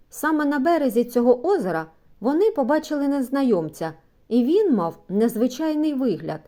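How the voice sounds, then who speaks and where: A woman's voice: fairly high pitch, dark tone. A woman narrating a children's story as an audiobook, reading expressively and giving the characters voices.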